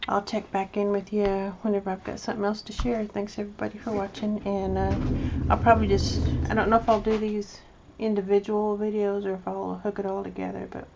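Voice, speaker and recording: Mouth full of candy, a crafting vlogger presents her project in a rambling, chatty way, with plenty of hesitations and restarts. Her medium-pitched, gravelly voice is level and fairly quick, with few pauses, on audio missing its highs, with background noise.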